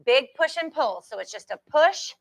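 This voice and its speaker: A woman's voice: high-pitched, lively intonation, normal speed, creaky, no room sound. A woman leading a group exercise class as instructor, encouraging and reassuring, giving short repeated cues and countdowns. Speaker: fitness instructor.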